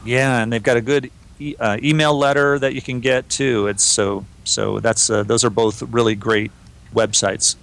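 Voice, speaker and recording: A man's voice: medium pitch, little pitch movement, moderate pace, creaky, a bit bright. Man co-hosting a chatty podcast. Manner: conversational, reads listener emails aloud. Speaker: podcast co-host. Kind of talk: casual podcast discussion.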